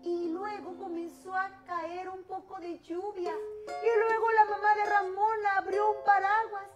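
A woman's voice: very high voice, measured pace, dull audio. A woman with a Mexican accent telling a children's story expressively. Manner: expressive and animated. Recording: echoey room with ukulele music.

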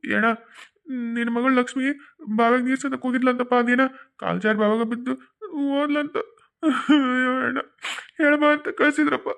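A woman's voice: high voice, steady tone, normal speed, gravelly, fairly bright tone. A woman voicing a frantic young village man bringing bad news, with a North Karnataka Kannada accent. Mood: urgent. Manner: urgent, tearful pleading.

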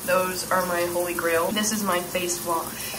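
A woman's voice: fairly low pitch, little pitch movement, measured pace, background noise. A young adult woman talking in the shower, chatting casually and bluntly to her phone camera. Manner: blunt, sweary, self-deprecating. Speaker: vlogger. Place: tiled bathroom shower.

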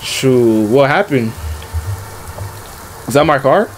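A man giving casual let's-play commentary, talking in slang and reacting out loud to the game. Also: mid-range voice, lively intonation, slow pace, a little hiss or hum. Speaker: gaming YouTuber.

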